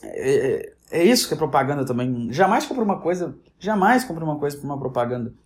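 A man's voice: fairly high pitch, big pitch swings, fairly quick. A man, ranting casually and animatedly, rambling with frequent restarts. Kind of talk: casual rant.

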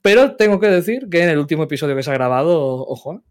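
Male guest, animated storyteller, casual and profane. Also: on the high side, very fast. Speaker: guest, tabletop game player. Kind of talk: casual interview chat.

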